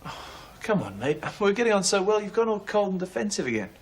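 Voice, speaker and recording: An actor playing a friendly young man who gently coaxes a prisoner to open up, in a soothing, persuasive manner. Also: high voice, big pitch swings, quick pace, breathy edge, full character voice. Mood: coaxing. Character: friendly young male visitor, gentle and coaxing. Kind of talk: 1980s television drama acting.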